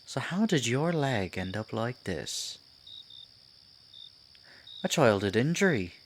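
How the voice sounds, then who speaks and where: A man playing a sinister, silky Pied Piper in an ASMR roleplay, a theatrical storyteller who coaxes and condescends with deliberate delivery. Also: medium pitch, very animated, slight background noise. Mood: feigned concern, probing. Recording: night insects and forest ambience behind. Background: crickets, night forest ambience.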